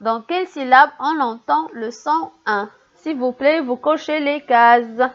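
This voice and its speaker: Slow, high-voiced teacher for young children. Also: female voice, dull audio. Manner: slow, careful, repeating each word for young pupils. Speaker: primary school teacher. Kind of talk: recorded reading lesson for children.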